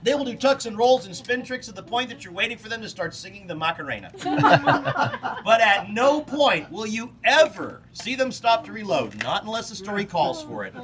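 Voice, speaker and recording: A man working as a tour guide and historian, telling animated stories with playful asides outdoors on a film set. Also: high-pitched, moderate pace, distant mic, noisy background. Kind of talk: guided tour talk to a small group.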